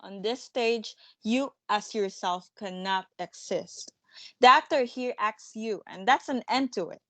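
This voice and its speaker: A woman's voice: mid-range voice, a little slow, pushed and bright, dry recording. A bossy, self-assured theatre manager in a stage drama, played by a woman. The manner is scornful and commanding, brushing objections aside. It is recorded close and dry. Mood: dismissive, commanding. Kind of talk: dramatic stage-play reading.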